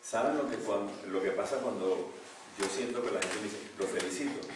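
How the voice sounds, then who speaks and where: An older man, a pastor, preaching a sermon with animated swings between loud outbursts and hushed asides. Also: on the low side, moderate pace. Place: church sanctuary. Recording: echoey church from a distance, noisy.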